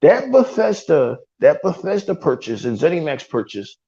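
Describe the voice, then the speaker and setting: A man's voice: fairly high pitch, sing-song, moderate pace, mellow, dull audio. A man co-hosting a gaming podcast, ranting in heated, profane casual talk and mocking rivals with put-on voices. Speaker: podcast co-host.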